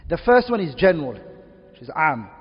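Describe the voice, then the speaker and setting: A man's voice: fairly high pitch, big pitch swings, husky. Male teacher quizzing a class. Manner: quizzes students with repeated questions; repeats key terms slowly. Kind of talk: classroom lesson. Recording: dull distant audio in echoey room.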